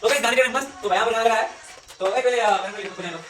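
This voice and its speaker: A man's voice: high-pitched, fast talker, over music. A young man, chatting casually through a daily vlog while rambling and restarting his sentences. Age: young adult. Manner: rambling, restarts often, says "matlab" and "guys". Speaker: vlogger. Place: village home and roadside, outdoors. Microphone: handheld phone.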